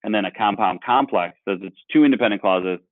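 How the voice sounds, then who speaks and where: A man's voice: lowish voice, quick pace, dry recording. A male teacher leading an online grammar lesson, explaining patiently and asking the class questions. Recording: dry, phone-like sound.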